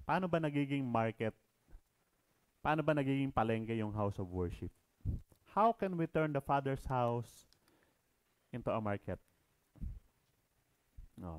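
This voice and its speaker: A middle-aged man with a Filipino accent preaching a sermon, moving between quiet asides and loud, emphatic reading. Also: mid-range voice.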